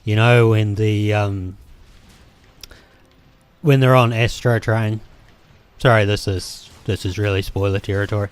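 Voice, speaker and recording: A man's voice: fairly low pitch, fairly even intonation, measured pace, long pauses, clean tone. A man with a New Zealand accent, hosting a let's play and rambling hesitantly between game moments, with plenty of ums and restarts. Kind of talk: casual gameplay commentary.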